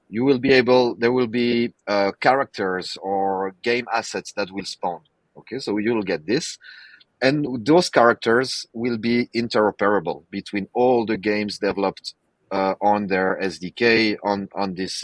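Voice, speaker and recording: Low-voiced enthusiastic male podcast host. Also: no echo. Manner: enthusiastic, rambling with fillers. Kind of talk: casual chat.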